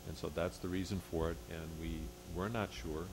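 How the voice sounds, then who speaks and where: A man giving a formal explanatory report to a board, phrasing things carefully and haltingly. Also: deep voice, fairly even intonation. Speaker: agency official reporting to a board. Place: public board meeting room. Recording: noisy meeting room with hum.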